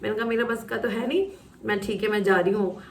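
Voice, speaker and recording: Animated young woman telling a story, roomy. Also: medium pitch, fast talker, far from the mic. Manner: animated, acts out quotes and shouts in retelling. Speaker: vlogger. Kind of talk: casual storytelling vlog. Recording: roomy echo, voice off-mic.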